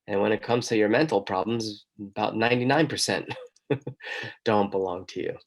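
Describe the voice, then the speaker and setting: Male host, low gravelly voice, emphatic questioning monologue. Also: normal speed. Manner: emphatic, asks the listener many questions. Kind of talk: motivational monologue.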